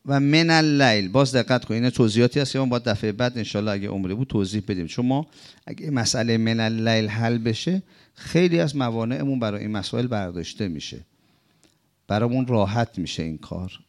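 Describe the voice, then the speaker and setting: A man teaching a sermon-style commentary on scripture, asking rhetorical questions and swinging between emphatic high phrases and low murmured ones. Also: a little mellow. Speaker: religious teacher.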